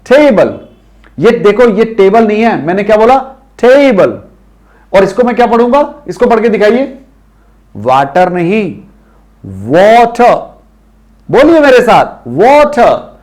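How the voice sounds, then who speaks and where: A middle-aged man with an Indian accent teaching an English lesson, saying words slowly and having viewers repeat them after him. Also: sits high, sing-song, a little mellow.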